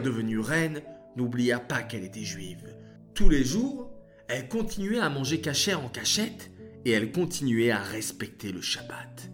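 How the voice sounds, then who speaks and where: A man telling a story to children, speaking to them directly in an expressive way. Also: medium pitch.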